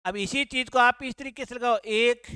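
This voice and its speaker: A man's voice: very high-pitched, steady tone, moderate pace, pushed and bright, clean tone, dry recording. A man teaching a grammar class, explaining patiently and repeating key points as he points to the board.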